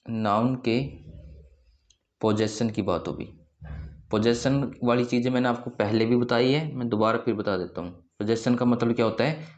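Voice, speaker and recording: A man teaches a grammar lesson in a middle-pitched voice. He keeps posing questions and then answering them himself. The recording sounds slightly dull and lo-fi. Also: a little mellow.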